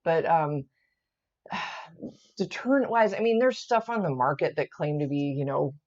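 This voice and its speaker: A woman's voice: low-pitched, animated, measured pace, darkish tone, highs cut off. A woman co-hosting a gardening live stream, chatting in an upbeat way and reading out viewer comments.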